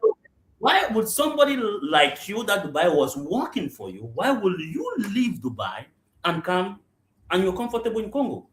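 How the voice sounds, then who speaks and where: A man from Cameroon with a voice that sits high and a bit bright, pitch swooping wildly, speaks at a normal speed. As a real estate general manager calling into a live podcast, he answers interview questions, often asking "you understand?" and restarting his sentences, with a roomy echo in the recording.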